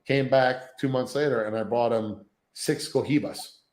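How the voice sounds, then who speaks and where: A man in his thirties spins loose, profane stories as an interview guest, and he often slips into other people's voices. His pitch sits right in the middle. The room adds a noticeable echo around him. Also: normal speed. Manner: profane, animated anecdotes with acted quotes. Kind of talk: casual storytelling interview.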